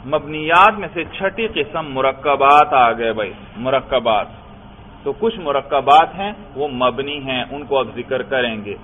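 This classroom lesson has a medium-pitched man explaining Arabic text in Urdu, reading each phrase slowly before breaking it down. He calls his listeners "brother" a lot and keeps checking that they follow. The sound is thin and phone-like, with faint background noise.

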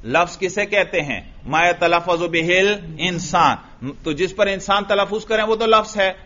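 Male teacher, grammar lecture, reads Arabic slowly, asks and answers his own questions, slightly high voice, dull lo-fi sound. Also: a bit bright. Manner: asks students questions and answers them himself; reads Arabic lines slowly, then explains. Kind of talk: classroom lecture reading and explaining a text. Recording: dull lo-fi recording.

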